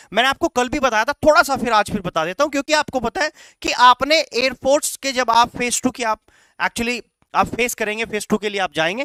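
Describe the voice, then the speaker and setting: A man teaching a class of students, with a very animated voice that swings up and down as he makes his points. He drops English phrases into his speech and keeps checking in with the class. The recording is dry, with no room sound. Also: very high voice, no echo. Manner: instructive, repeats "right?" and "चलेगा" to check in; mixes English phrases into Hindi. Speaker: coaching teacher. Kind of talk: classroom lecture.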